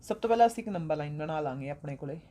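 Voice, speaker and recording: A woman math teacher from Punjab, India, walks a class through a lesson step by step. She asks a question, pauses, and supplies the answer herself, repeating key points patiently. English math words are sprinkled through her explanations. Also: sits low, expressive, dark tone, a little hiss or hum. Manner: mixes English math terms into her talk.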